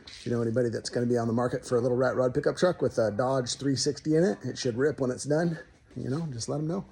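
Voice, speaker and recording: A fast-talking man with a gravelly, slightly mellow medium-pitched voice chats to camera in his home garage. He's a DIY car builder vlogger rambling a bit about his car project, and a little hiss or hum sits under the recording.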